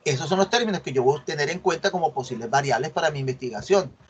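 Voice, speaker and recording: A man speaks fast in a slightly high voice. He's a university teacher going over a research assignment in an online class, correcting students along the way and frequently checking whether they follow with "¿sí ven?"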